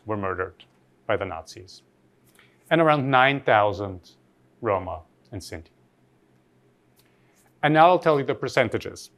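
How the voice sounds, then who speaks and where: A man from Austria giving an academic lecture, reflective and posing rhetorical questions to his audience. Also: medium pitch.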